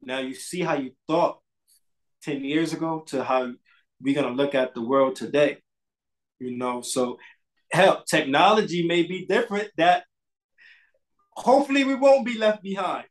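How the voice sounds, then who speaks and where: A man's voice: fairly high pitch, moderate pace, pauses often, rough recording. A man in his thirties from Connecticut, a barber talking loosely on a video call in his shop, swearing casually and repeating words. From Bridgeport, Connecticut. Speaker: barber, podcast guest. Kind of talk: casual interview chat. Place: small barbershop indoors.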